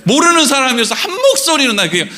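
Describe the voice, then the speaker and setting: A man pastor preaching a sermon in a church, animated and joking with the congregation, acting out quoted voices. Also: very high voice, quick pace. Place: church sanctuary.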